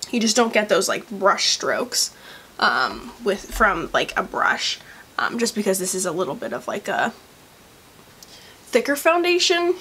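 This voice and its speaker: A woman's voice: on the high side, sharp tone, a little hiss or hum. A woman talking casually through a makeup review vlog, chatty with lots of likes and ums, a bit of morning voice. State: morning voice, coughing. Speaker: beauty vlogger. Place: at home, later by a window.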